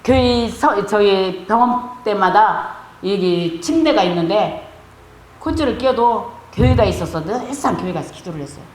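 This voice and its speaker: Middle-aged woman pastor, emphatic sermon with testimony, very expressive pitch, echoey church room. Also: moderate pace. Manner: emphatic, asks the congregation rhetorical questions. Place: church sanctuary.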